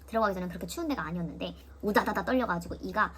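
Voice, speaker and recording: A woman's voice: mid-range voice, rapid-fire, husky. A young woman vlogger casually retelling a personal experience, often imitating the voices of others. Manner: lively, mimics voices of nurses and her sister while retelling. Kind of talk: casual storytelling vlog.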